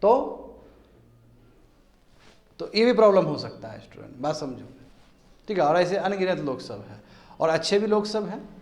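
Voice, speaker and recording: Guy teaching a class, higher voice, keeps throwing questions at students, echoey room. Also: moderate pace, long pauses. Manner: animated, asks students rhetorical questions. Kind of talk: classroom lecture.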